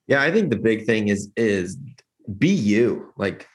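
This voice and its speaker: A man's voice: lowish voice, lively intonation, unhurried. A man talking earnestly in a casual interview, rambling with many restarts as a church lighting director.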